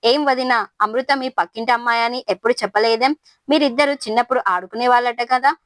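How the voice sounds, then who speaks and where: A woman's voice: fairly high pitch, quick pace, fairly bright tone, no echo, lightly acted. A woman voicing a young man who teases his sister-in-law casually. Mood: teasing.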